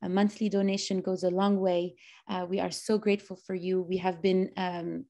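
A woman in her thirties hosts a casual online interview chat by video call from a small indoor room, full of enthusiasm and fillers. Her voice is on the low side, gravelly and warm, with a level tone at a normal speed.

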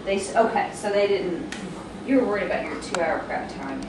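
A woman's voice: medium pitch, a little fast. A woman visiting the family, cooing in a sing-song voice over the newborn. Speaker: visiting relative. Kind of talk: casual home video chat. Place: hospital room. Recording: distant, roomy and noisy home video.

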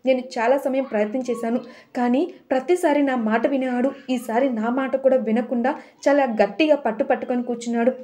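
A woman's voice: high-pitched, fairly even intonation, fairly quick, warm tone, lightly acted. A woman voicing a worried, caring older woman appealing for help in a storybook retelling. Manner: anxious, appealing.

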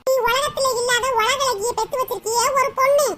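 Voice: extremely high pitch, steady tone, fairly quick, bright, forceful tone. A voice actor playing a blunt, bossy village woman in a cartoon comedy, mocking and scolding. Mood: demanding.

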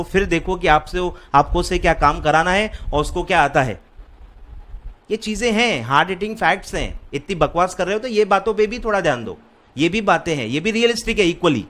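A man's voice: high-pitched, a bit bright. A man, lecturing CS students and scolding them with rhetorical questions. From Maharashtra, India. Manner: scolding, rhetorical, keeps asking if you follow. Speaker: CS exam mentor.

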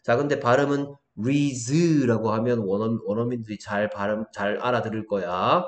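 A man's voice: medium pitch, steady tone, moderate pace, echoey room. A man tutoring English, checking often that his pupil follows. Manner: coaxing teacher, many check questions. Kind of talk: one-on-one English lesson in Korean.

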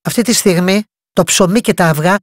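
A woman voices a kind-hearted young princess in a bedtime story, pitching a little higher than her narration and speaking gently and earnestly with an urgent, pleading mood. The acting is light, and the recording is dry and studio quality.

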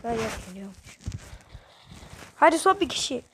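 A woman giving playful, excitable commentary on her gameplay and talking to viewers, her voice a little off from being unwell. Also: on the high side, normal speed, slight background noise. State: slightly ill, voice a little changed. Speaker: gaming video creator.

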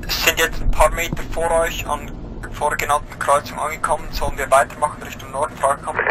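A man calls in over a noisy game radio channel, quick and flat. His voice sits a little high and barely moves. He keeps to clipped, military radio procedure. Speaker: squad member on radio.

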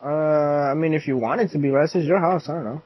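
A young gamer chats while playing a block-building game, playfully teasing his friend and laughing often. His voice is on the high side, a little fast, and slightly rough, and the recording sounds dull with no echo.

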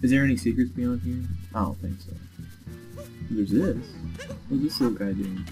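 A young man giving casual, excitable gameplay commentary as a let's play host. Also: mid-range voice, over music. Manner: excitable, quick reactions.

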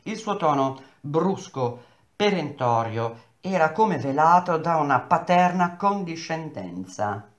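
A man reading a novel aloud in a measured, expressive storytelling manner. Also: fairly high pitch, roomy sound, muffled recording. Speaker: reader of a novel.

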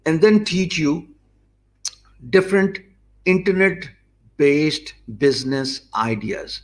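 Here the Pakistani-accented instructor, a man in his forties with Urdu as his native tongue, sounds fairly high-pitched and expressive. He delivers a live online lesson indoors from an office room, talking at an intentionally slow, easy pace and thinking out loud conversationally. His desk mic is right in front of him.

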